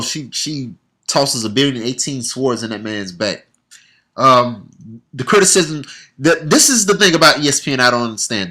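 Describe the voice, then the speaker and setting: A man's voice: a little high, sharp tone. Blunt, heated male sports vlogger. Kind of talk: opinionated casual monologue.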